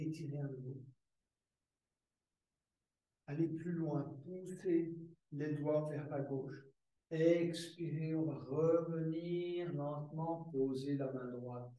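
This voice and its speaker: A calm male yoga teacher talks a class through breathing and stretches, repeating his cues softly and slowly. His voice is mellow and sits a little high for a man. He sounds far from the mic in a very echoey room. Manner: calm, slow step-by-step breathing cues with soft repetitions. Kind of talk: guided yoga class instruction.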